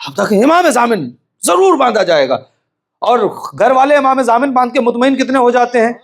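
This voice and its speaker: A man delivers a mourning sermon in a high, lively voice. His pitch leaps and falls as he moves from quiet narration to shouted emphasis. He keeps pressing the congregation to listen closely. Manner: impassioned, swings from hushed storytelling to shouted emphasis; keeps urging listeners to pay attention. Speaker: preacher. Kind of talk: Shia majlis sermon.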